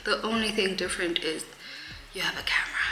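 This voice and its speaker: A woman's voice: mid-range voice, brisk, sharp tone. A young South African woman, a realtor, chatting casually on her vlog, laughing often and slipping in Zulu words. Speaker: realtor vlogger. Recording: echoey rooms with clear noise behind.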